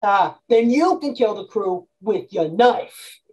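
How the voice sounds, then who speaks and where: A woman's voice: medium pitch, lively intonation, slow, a little mellow. A woman playing a sly male convict underling with a wheedling, whiny manner.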